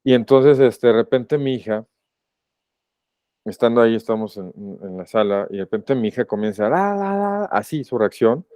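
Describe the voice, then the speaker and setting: A man with a Mexican accent, a podcast guest giving a personal account in a reflective, halting, emotional way. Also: lowish voice, fairly even intonation, dark tone, smooth, dry recording, clean studio sound. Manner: reflective, halting and emotional, often pausing to rephrase. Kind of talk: personal testimony in a podcast interview.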